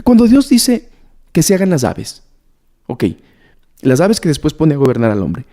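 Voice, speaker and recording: A fairly high, sing-song male voice, mellow and at a moderate pace, teaches the Bible to a gathered audience. Preaching sermon-style, he often asks his listeners questions and repeats key words to make his points stick.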